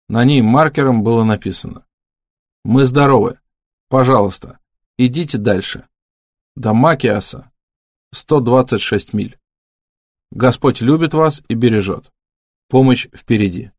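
A man reading an audiobook in a measured, steady narrating voice. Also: mid-range voice, dry recording, studio quality. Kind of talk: scripted narration.

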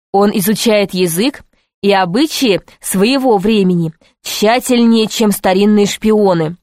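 A woman's voice: mid-range voice, a little mellow, no room sound. Woman narrating a storybook, dry sound. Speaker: audiobook narrator. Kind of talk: scripted narration.

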